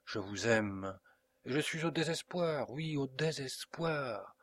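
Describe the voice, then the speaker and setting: A man voicing a desperate, impassioned nobleman count in an audiobook, pleading with slow, vehement delivery. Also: mid-range voice, animated, a bit bright, pitched above the performer's own voice. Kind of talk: audiobook character reading.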